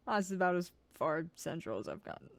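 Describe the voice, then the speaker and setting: A woman's voice: fairly low pitch, gravelly, no room sound. A woman from the East Coast of the United States streaming a video game, chatty and giggly, commenting casually at a home desk microphone. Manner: chatty and giggly, self-deprecating. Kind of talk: casual live-stream commentary while reading a game aloud.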